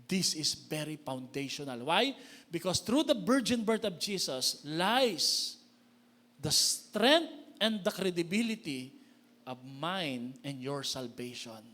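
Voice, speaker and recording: A Filipino man with a Filipino accent preaching a sermon as a pastor, lively and joking, calling on the congregation to respond. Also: a little high, slow pace. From Philippines.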